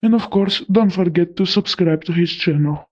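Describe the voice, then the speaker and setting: A man from Italy talking through a pitch-shifting voice changer, shyly reading a prepared interview answer. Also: moderate pace, a little mellow, muffled recording. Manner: shy, reading a prepared script.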